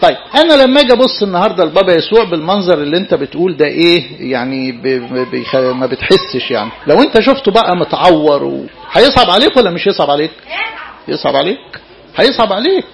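A man's voice: on the high side, fast talker, creaky. A man with an Egyptian Arabic accent, a priest giving an interactive sermon to young listeners and keeping them engaged with questions. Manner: lively, keeps questioning his listeners.

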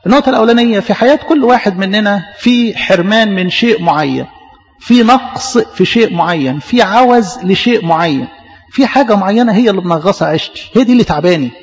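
Speaking quickly with lively intonation, a high-voiced male preacher with an Egyptian Arabic accent keeps posing the same questions to his congregation. Faint music sits behind the muffled audio, which carries the lingering reverb of a large hall.

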